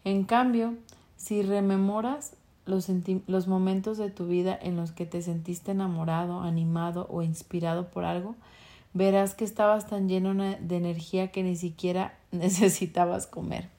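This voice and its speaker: Woman reader, warm mellow voice, reads self-help text aloud, corrects her own slips. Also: fairly low pitch, steady tone. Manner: unhurried reading with small slips and self-corrections. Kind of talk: reading a book aloud.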